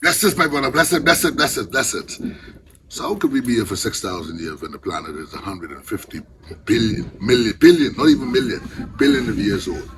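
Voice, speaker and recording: A man's voice: fairly low pitch, very animated, brisk, noisy background. An older man from the Bahamas with a Caribbean accent, reasoning informally and with passion in Rasta speech with patois phrasing. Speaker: Rastafarian elder.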